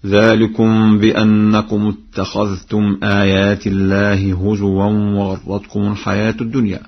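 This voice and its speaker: A man from Egypt giving a broadcast lesson on Quran reading variants, explaining in a measured way and chanting verse examples. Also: lowish voice, creaky, breathy edge. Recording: lo-fi radio broadcast.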